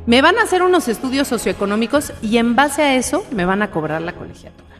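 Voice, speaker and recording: A woman with a fairly high voice that rises and falls a great deal, explaining grammar patiently in an easygoing chat. She laughs often as she talks. Faint music plays underneath. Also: expressive, fast. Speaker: language expert on a radio show. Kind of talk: casual panel chat.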